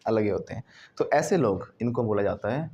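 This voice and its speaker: A man teaching a bilingual English lesson in a classroom. He prompts a student to repeat phrases, checks "right?" often, and says words over and over slowly to drill their pronunciation. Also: fairly low pitch, animated, warm tone, muffled recording.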